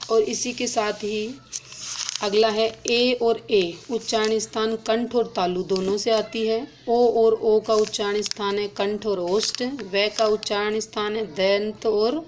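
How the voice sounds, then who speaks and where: A woman teaching an exam-prep lesson, slowly spelling out sounds and letters one by one. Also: medium pitch, steady tone, a little mellow, a little hiss or hum.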